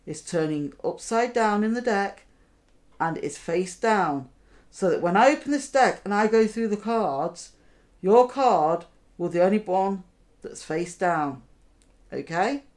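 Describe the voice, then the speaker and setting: A woman magician giving card trick patter, deliberately talking her audience through each step and checking in with questions. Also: medium pitch, darkish tone. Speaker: magician, host.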